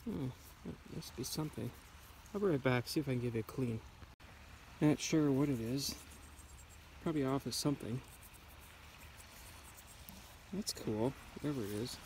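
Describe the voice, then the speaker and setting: A man from Canada narrating his metal-detecting finds in a forest, in an unhurried, muttering way, recorded outdoors on a camera mic. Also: medium pitch, darkish tone, slight background noise. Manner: muttering, unhurried, talking to himself. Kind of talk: casual outdoor commentary.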